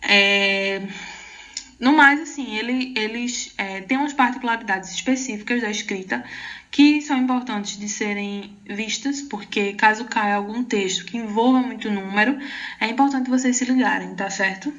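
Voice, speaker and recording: A Brazilian woman with a Portuguese accent teaching a Spanish lesson, reading the examples carefully and adding quick asides in Portuguese. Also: on the high side, a bit bright, lo-fi sound. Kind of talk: online exam-prep lesson.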